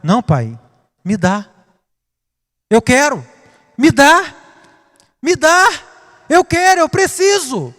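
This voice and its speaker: A man's voice: very high-pitched, very animated, takes it slowly, long pauses, a bit bright, pitched above the performer's own voice, full character voice. A man voicing a young boy who pleads with his father for a gift, switching between meek and insistent. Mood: whiny begging. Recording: reverberant church hall.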